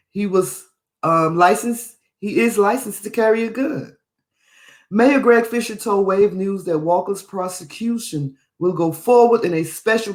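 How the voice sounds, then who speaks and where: Indignant man reading news, echoey room. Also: sits high. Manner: indignant, repeats phrases for emphasis. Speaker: podcast host. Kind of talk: reading and commenting on a news article.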